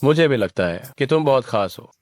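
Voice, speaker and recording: A scornful, newly rich young man, voiced by an actor in a dubbed drama. His speech is cutting and contemptuous, with a lively, swinging pitch. Faint background music plays under the dialogue. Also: brisk, lightly acted.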